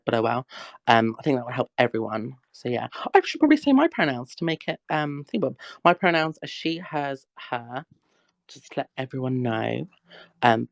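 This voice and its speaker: Chatty woman hosting a livestream, gravelly edge. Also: extremely low pitch, no echo. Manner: chatty, scolds the chat, laughs often. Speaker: livestream Q&A host. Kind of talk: casual livestream chat.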